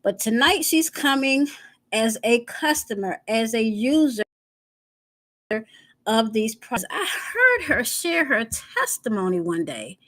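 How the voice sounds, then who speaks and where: A woman's voice: fairly high pitch, big pitch swings, unhurried, fairly bright tone. A woman hosting her weekly live stream, casual and emotional, close to tears as she introduces a guest. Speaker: host.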